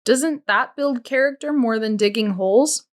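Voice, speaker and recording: A woman's voice: fairly high pitch, normal speed, pitched above the performer's own voice, close to an everyday voice. A woman reader voicing an earnest teenage boy who reasons and questions in his own defence. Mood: earnest, defensive.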